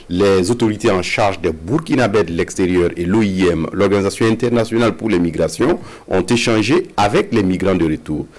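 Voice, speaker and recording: A man presenting the midday TV news, reading in a formal, measured way. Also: on the low side, a little mellow. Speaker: news anchor. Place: TV studio.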